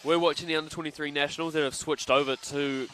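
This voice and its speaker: Bright, excitable New Zealand commentator man. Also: a little high, fast talker, a little hiss or hum. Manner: joking, excitable play-by-play. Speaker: basketball commentator. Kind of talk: live sports commentary with banter. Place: courtside at a basketball venue.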